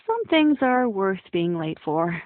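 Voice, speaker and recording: A woman's voice: medium pitch, very animated, takes it slowly, no room sound. A young woman narrating an audiobook in the first person, wry and playful. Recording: dry, phone-like narrow sound.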